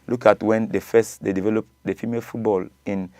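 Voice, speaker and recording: Low-voiced Nigerian man debating casually. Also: little pitch movement, a little fast, dark tone, no room sound. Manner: emphatic, repeats words, laughs often. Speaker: coach and show guest.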